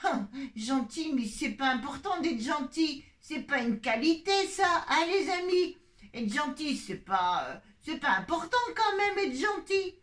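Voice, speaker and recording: Children's puppet show, vain boy teddy bear, played by a woman, squeaky, bragging, high-pitched, slow. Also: lively intonation, fairly bright tone.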